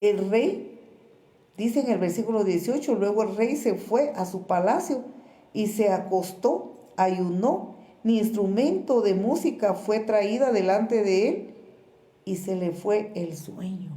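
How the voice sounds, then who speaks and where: A woman pastor with a Guatemalan Spanish accent, preaching a sermon in a slow, measured way with pauses and repeated words. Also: mid-range voice, lively intonation, mellow, echoey room. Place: church.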